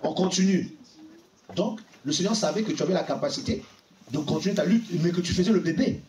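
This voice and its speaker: Male preacher, high and lively delivery, exhorting; echoey room, mic at a distance. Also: brisk, a little hiss or hum. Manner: animated, exhorting, acts out dialogues. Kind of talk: sermon.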